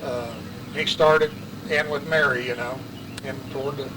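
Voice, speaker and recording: An older man with an Appalachian West Virginia accent shares family memories as an interviewee, rambling in a colloquial, folksy way through casual oral-history stories. His mid-range voice holds a steady tone at normal speed. The mic sits at a distance, and outdoor traffic noise comes through clearly.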